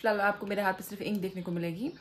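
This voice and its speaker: A young Kashmiri woman vlogs casually, holding her phone at arm's length as she narrates her day on the streets, in a cafe and at home. Her mid-range voice has fairly even intonation, and she talks at a racing pace.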